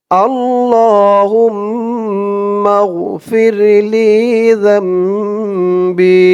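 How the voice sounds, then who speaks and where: A man teaching a prayer phrase by phrase, chanting the words slowly and drawn out between plain spoken explanations. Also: on the high side, darkish tone, dull audio. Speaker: Arabic teacher.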